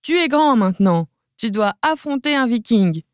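A woman voicing a bossy, angry male dragon king in a storybook reading, scolding loudly. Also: a little high, expressive, normal speed, no room sound, studio quality, voice pushed up, close to an everyday voice. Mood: stern. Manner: roaring, scolding.

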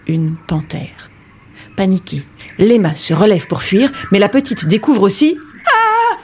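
A woman narrating a children's storybook she wrote, in an expressive, gently dramatic manner. Her delivery is unhurried, and her pitch moves widely. Her voice has a soft, breathy quality. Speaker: storyteller and author.

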